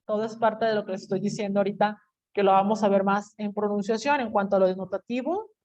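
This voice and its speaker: A woman teacher, giving a lively classroom lecture and acting out what students might say. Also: medium pitch, fast. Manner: animated, acts out student quotes. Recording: dull lo-fi classroom recording.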